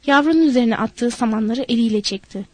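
A woman narrates a novel in a measured, expressive reading voice. Her voice sits a little high, and the recording is close and dry with no room sound. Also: dry recording. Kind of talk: audiobook narration.

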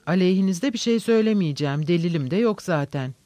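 A man voicing a sickly, sneering former servant who talks with quiet scorn. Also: high-pitched, lively intonation, fast talker, dry recording. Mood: contemptuous.

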